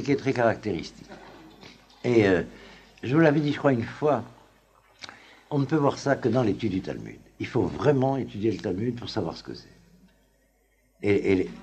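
A man teaching a class on the Talmud in an informal, halting lecture full of fillers and restarts. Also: lowish voice, darkish tone. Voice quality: very husky voice. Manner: halting, many fillers and restarts, chuckles often.

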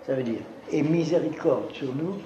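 A man's voice: on the high side, moderate pace, mellow, lo-fi sound. A man teaching a Torah class to a live audience. He reads Hebrew verses aloud, translates and explains them, and teases his listeners in a conversational way. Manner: teasing, conversational, jokes with listeners. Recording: echoey room with background noise.

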